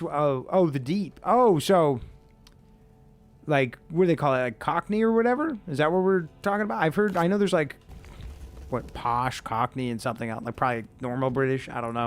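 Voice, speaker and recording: A young man from the United States casually talking with viewers while playing a game, laid-back and cursing often. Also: a little high. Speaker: streamer. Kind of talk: casual gameplay commentary.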